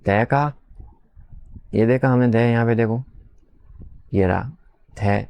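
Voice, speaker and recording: A man teaching beginners to spell, slowly repeating sounds and letters and asking his listeners questions back. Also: fairly low pitch, gravelly, dark tone. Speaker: English teacher. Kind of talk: slow spelling lesson for beginners.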